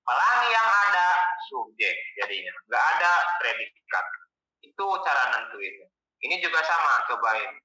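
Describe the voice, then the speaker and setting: A male tutor with a very bright, crisp voice, talking through the lesson in a loose, conversational way. He poses questions and then answers them himself. The sound is roomy and echoey, picked up from some distance off the mic. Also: medium pitch, normal speed. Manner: relaxed, colloquial explaining. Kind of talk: casual exam-prep lesson.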